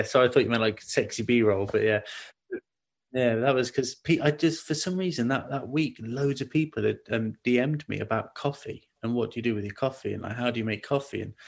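A man's voice: medium pitch, creaky. Man, podcast guest, casual chat, rambling storytelling, frequent self-corrections. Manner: rambling, animated storytelling with many restarts. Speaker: guest, outdoor cooking video maker.

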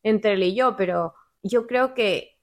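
A woman's voice: medium pitch, slow. A woman in her thirties, a podcast guest, talking reflectively in casual chat and repeating words for emphasis. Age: 30s.

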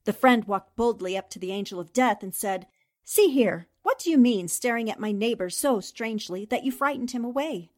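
Lightly acted and expressive, a woman's fairly high voice brings to life a composed, shrewd newspaper columnist turned amateur sleuth in a radio mystery. She tells it in a careful, storytelling manner.

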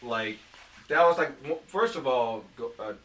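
A man co-hosting a casual podcast chat, animated and prone to repeating words as he gets going. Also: mid-range voice, a little slow, far from the mic. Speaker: podcast co-host. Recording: echoey room, a bit off-mic, faint noise.

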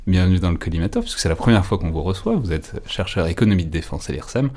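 Low-voiced hesitant podcast host. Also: male voice, lively intonation, racing, darkish tone. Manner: hesitant, many fillers and restarts. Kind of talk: podcast interview.

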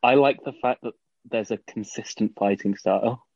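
Man, podcast co-host, husky voice, wry, dull dry lo-fi sound. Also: lowish voice, moderate pace, a little mellow, no echo. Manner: wry, laughs often. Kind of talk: casual podcast chat.

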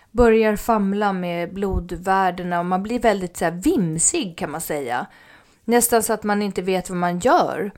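A woman telling a personal anecdote in casual speech, animated, acting out what people said and sometimes dropping to a near-whisper. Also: medium pitch. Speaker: mother telling a personal story.

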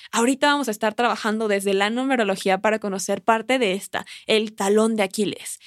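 A woman's voice: mid-range voice, no echo. Woman in her 20s, casual self-help podcast talk, keeps asking the listener questions, dry close sound. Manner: poses reflective questions straight to the listener; casual and conversational. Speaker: podcast host.

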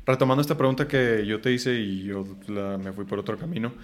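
A man's voice: lowish voice, fairly even intonation, a little fast. A man hosting a casual interview, mostly giving short agreeing replies. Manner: brief, agreeing backchannels. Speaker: interview host.

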